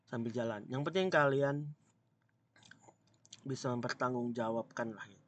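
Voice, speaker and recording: This man, medium in pitch and heard over slight background noise, runs a Mandarin grammar lesson online. He models example sentences in a slow, stretched-out way, talks with his students, and has an itchy throat.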